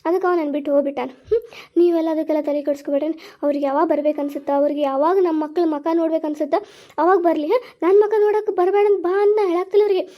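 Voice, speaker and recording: A woman playing a caring village mother who consoles her children, speaking North Karnataka Kannada in a soft, coaxing way. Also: extremely high pitch, steady tone, rapid-fire, muffled recording. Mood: consoling. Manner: soothing, coaxing. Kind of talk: family drama acting.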